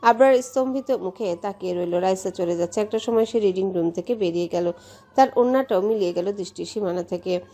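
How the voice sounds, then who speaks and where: A woman from Bangladesh narrating a romance story in a steady, measured way. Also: mid-range voice. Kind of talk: audiobook story reading.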